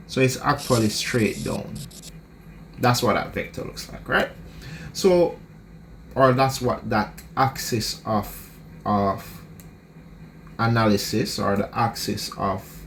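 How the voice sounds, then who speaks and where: A man's voice: on the low side, vocal fry, a little hiss or hum. A man teaching a lecture, explaining a diagram step by step and checking in with the class often. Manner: unhurried, checks in with "right?" often.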